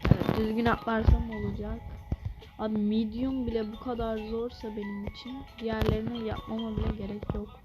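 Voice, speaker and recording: A woman's voice: on the high side, little pitch movement, brisk, low-quality recording. A young woman giving casual gameplay commentary, muttering to herself with exasperated sighs and sudden yelps. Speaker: gamer. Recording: background game music.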